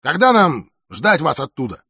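Man voicing a patronizing officer, condescending, raised pitch, dry sound. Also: big pitch swings, moderate pace, gravelly, bright, forceful tone, husky, no echo, heavily acted. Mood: smug. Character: smug patronizing male officer.

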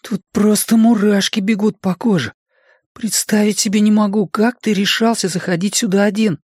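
A man voicing a frightened, nervous schoolboy in an audiobook, his voice jumping into shrill panicked cries. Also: fairly even intonation, moderate pace, no room sound, clean studio sound, lightly acted. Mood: uneasy. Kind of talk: audiobook character voice.

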